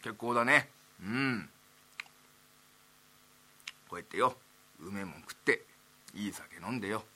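A man playing a rough-talking Edo townsman who grumbles and teases at a banquet. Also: on the low side, animated, a little slow, pauses often, bright, forceful tone, voice pushed down, heavily acted. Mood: grumbling. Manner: blunt, teasing, grumbling.

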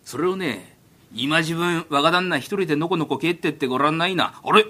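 A man voicing a rough, teasing townsman in a comic rakugo story, with gruff, bossy street talk. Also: a little high, a little fast, sharp tone, voice pushed down.

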